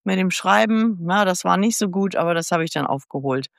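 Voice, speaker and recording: A US-born woman of about seventy, guesting on a podcast, candidly recounts her life in a casual interview and acts out old conversations. Her lowish voice is expressive and a touch fast, with some vocal fry, captured in studio quality with no room sound.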